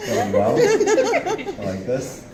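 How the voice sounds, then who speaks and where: A man's voice: extremely high pitch, wildly swooping pitch, very slow, reverberant, recorded from a distance, over a noisy crowd, poor audio. A man in his twenties doing a casual stand-up comedy set, rambling with lots of fillers. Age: 20s. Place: comedy club stage, audience laughing.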